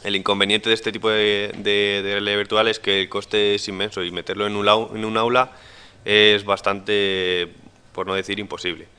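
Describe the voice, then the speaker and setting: Man, lecture talk, hesitant restarts, bright forceful tone, crisp voice. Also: fairly low pitch, level tone, normal speed. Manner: hesitant, many restarts and fillers. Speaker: conference speaker. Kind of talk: academic talk with slides.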